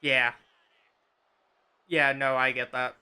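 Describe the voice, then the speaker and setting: Bright-voiced guy streaming. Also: medium pitch, level tone, slow, clear, resonant tone. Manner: rambling, lots of fillers and restarts. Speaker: streamer hosting wrestling game commentary. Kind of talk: casual live-stream commentary.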